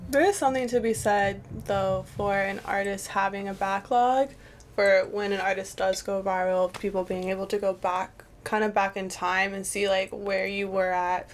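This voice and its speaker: A woman's voice: mid-range voice, fairly even intonation, moderate pace, a little hiss or hum. A woman hosting a casual interview, upbeat, reading listener questions aloud to her guest. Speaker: interview host.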